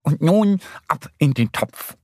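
A man's voice: fairly high pitch, expressive, takes it slowly, warm tone, no echo, clean studio sound, voice pushed up. A man doing a bustling, eager Easter bunny. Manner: hasty, eager.

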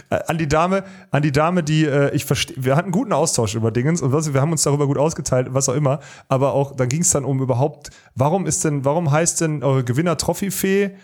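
Rambling, quick-talking man on a podcast. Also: on the high side, darkish tone. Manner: rambling, self-interrupting, laughs easily. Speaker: podcast co-host. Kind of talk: casual podcast chat.

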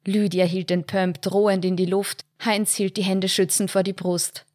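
A woman narrating a short story in a measured storytelling way. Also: medium pitch, flat delivery, a little mellow, no room sound, clean studio sound. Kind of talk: audiobook short story reading.

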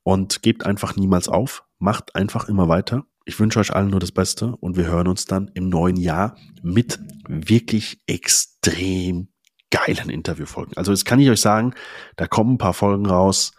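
A man's voice: low voice, moderate pace, no echo, clean studio sound. A man hosting a solo motivational podcast, talking emphatically in a casual coaching manner with English fillers. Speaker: podcast host.

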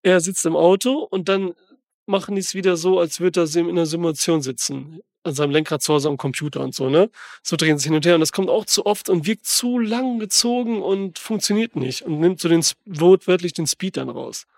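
A man's voice: a little high, a little fast, creaky, no echo, studio quality. A man ranting in a casual podcast chat about a film, rambling and slangy with lots of fillers. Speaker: podcast co-host reviewing a film.

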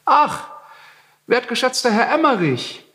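A man's voice: extremely high pitch, big pitch swings, measured pace, sharp tone, pitched above the performer's own voice, heavily acted. A man reading aloud and voicing a young male tenant who answers his landlord with exaggerated, ironic courtesy. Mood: mock-polite. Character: young male tenant, politely mocking, evasive. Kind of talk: literary reading.

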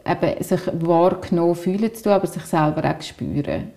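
Warm-voiced Swiss woman, thoughtful podcast talk. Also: on the low side, brisk. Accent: Swiss German. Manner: thoughtful, repeats words while searching for them. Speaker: podcast co-host, school counselor. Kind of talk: reflective casual chat.

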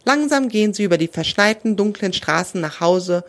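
A woman reading a children's story aloud in a calm manner, sometimes pausing to explain things to young listeners. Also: medium pitch.

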